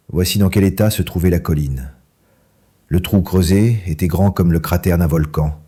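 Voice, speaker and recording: A man reading a children's story aloud in French, lively and acting out the characters. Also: slightly rough. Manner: lively, acts out each character with raised pitch. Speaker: audiobook narrator.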